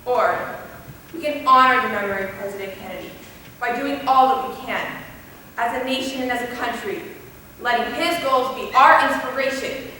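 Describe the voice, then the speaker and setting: A young woman playing an earnest female high school student, giving a measured, heartfelt stage speech. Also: sharp tone, slight background noise. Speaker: student actor. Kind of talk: stage play speech to a class. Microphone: distant room mic. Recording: echoey hall from far off.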